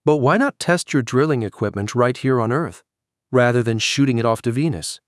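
A man's voice: medium pitch, brisk, no room sound, studio quality, lightly acted. A man voicing a nasal, whiny female senator. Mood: skeptical. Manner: skeptical, cutting, condescending. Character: female senator, critical and condescending. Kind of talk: audiobook character voice.

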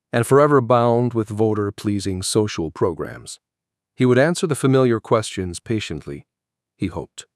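A man narrating a novel in a steady, even storytelling voice. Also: on the low side, no room sound, studio quality. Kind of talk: audiobook narration.

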